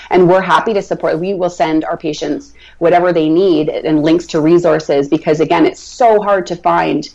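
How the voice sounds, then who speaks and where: Brief: female nurse guest, low gravelly voice, chatty and loose, dull lo-fi radio sound. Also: darkish tone. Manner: chatty, with many restarts. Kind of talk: casual interview talk. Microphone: radio show mic.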